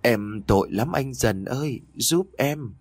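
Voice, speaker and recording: A man voicing a pale, weeping ghost girl who pleads softly and coldly for help. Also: mid-range voice, expressive, moderate pace, husky, no echo, voice pushed up. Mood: weeping pleading. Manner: soft, tearful pleading.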